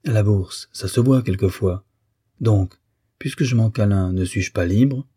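A man's voice: fairly low pitch, a little slow, dark tone, husky, no echo, studio quality. A man reading as a wavering young man talking to himself. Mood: musing. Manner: inner musing, wavering. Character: young man, hesitant and self-justifying.

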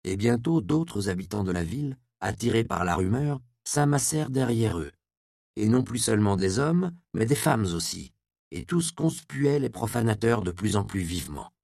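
Low, gravelly man narrating a grim tale. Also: animated, a little mellow, dry recording, studio quality. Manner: grave, measured storytelling. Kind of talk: scripted audiobook narration.

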